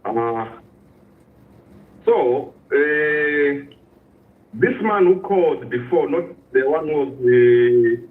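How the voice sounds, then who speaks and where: A man from Angola calling in on a phone line, speaking hesitantly with many pauses and fillers. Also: medium pitch. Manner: hesitant, many "uh" and "I don't know". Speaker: caller. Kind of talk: phone-in call to a radio show. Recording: tinny distant phone line.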